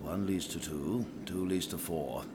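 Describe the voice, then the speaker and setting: A man's voice: low-pitched, a little slow. A man playing a stiff, dramatic starship captain. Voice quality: stiff, melodramatic. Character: dutiful male spaceship captain, stiff and dramatic. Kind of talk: comedy audio drama. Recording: audible background noise.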